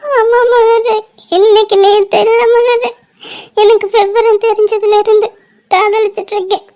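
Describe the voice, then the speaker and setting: Woman voicing a cartoon girl, very high-pitched, sobbing, halting, repeats a friend's name. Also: flat delivery, darkish tone. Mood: tearful. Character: tearful young woman confessing long-held love.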